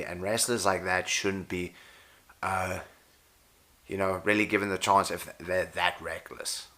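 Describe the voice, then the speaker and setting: This man has a low, bright, forceful voice that tires easily. A pro wrestler and jiu-jitsu coach, he rambles wryly about his injuries in unscripted casual talk to camera, often correcting himself as he goes.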